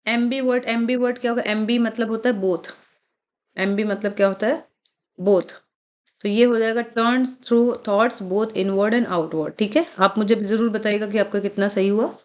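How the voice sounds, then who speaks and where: A woman lecturing on vocabulary for exam preparation, speaking in Hindi on the terms. She slows right down to read out passages and drills pronunciations one word at a time, and she keeps checking in with short questions to her students. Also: medium pitch, fairly even intonation. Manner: explains words in Hindi, reads English lines slowly. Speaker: vocabulary teacher. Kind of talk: recorded exam-prep lecture.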